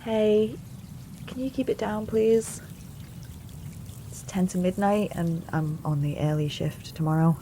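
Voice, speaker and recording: An actress playing a tired young woman, a housemate asking for quiet, heard from further off. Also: fairly low pitch, a little slow, long pauses, a little hiss or hum. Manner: weary, curt, heard from another room. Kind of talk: audio drama.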